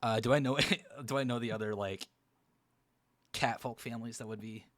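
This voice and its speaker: A man's voice: mid-range voice, fairly even intonation, normal speed, no room sound, lightly acted. A man voicing a nervous, polite male cat-folk archivist in a tabletop game, speaking in a hesitant, stammering way.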